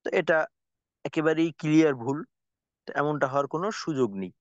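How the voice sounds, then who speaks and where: A man teaching Quranic pronunciation, patiently demonstrating each sound by repeating it slowly. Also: fairly high pitch, fairly even intonation, no room sound, dull audio. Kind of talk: spoken lesson on pronunciation.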